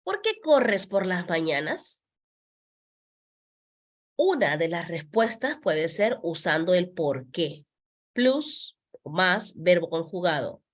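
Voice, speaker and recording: A Spanish teacher with a lowish voice gives a slow, unhurried beginner grammar lesson, her voice swinging animatedly up and down to stress key words. She patiently repeats examples and words slowly, switching between Spanish and English to explain.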